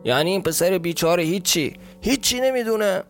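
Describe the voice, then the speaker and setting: A man's voice: medium pitch, expressive, faint music behind, natural voice. A man with a southern Iranian accent voicing a huge, hot-tempered male gamekeeper who talks bluntly and indignantly in a storybook reading. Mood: angry.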